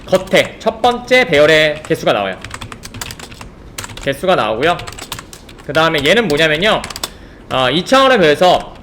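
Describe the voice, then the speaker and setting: A man lectures on programming in a high, lively voice, firing off rhetorical questions and checking again and again that his students follow. The sound is roomy, with faint keyboard typing behind him. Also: moderate pace, pauses often, slight background noise. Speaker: programming instructor. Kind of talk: live coding lecture.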